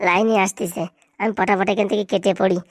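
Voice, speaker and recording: A woman's voice: medium pitch, fairly even intonation, fast, dry recording, studio quality, natural voice. A woman voicing a mischievous young male prankster in a Bengali cartoon, speaking with a Bengali accent and making teasing, scheming asides to viewers. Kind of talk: comic cartoon voice acting.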